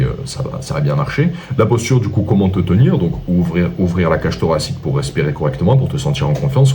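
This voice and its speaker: A man's voice: deep voice, dark tone, slight background noise. A man speaking as a dating coach, giving an instructional monologue and laying out his points one by one with rhetorical questions.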